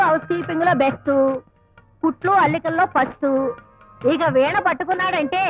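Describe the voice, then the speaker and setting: An actress playing a bossy, scolding middle-aged woman in a comedy film. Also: high voice. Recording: dull old film soundtrack with music.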